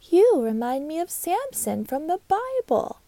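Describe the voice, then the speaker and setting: A woman voicing a cheerful, curious young ladybug girl in a storybook, with bubbly excitement. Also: high voice, measured pace, no room sound, heavily acted. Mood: earnest.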